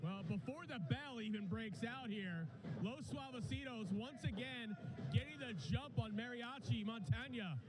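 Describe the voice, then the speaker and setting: Very high-voiced man calling live wrestling. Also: moderate pace, low-quality recording. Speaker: wrestling commentator. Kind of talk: live wrestling play-by-play commentary. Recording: loud music under live commentary. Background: loud music.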